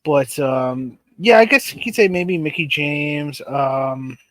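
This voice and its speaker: A man's voice: a little high, expressive, slow, fairly bright tone, dry recording. A man co-hosting a wrestling podcast in casual chat, rattling off lists of names with lots of "uh" and "um". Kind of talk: casual chat on a live stream.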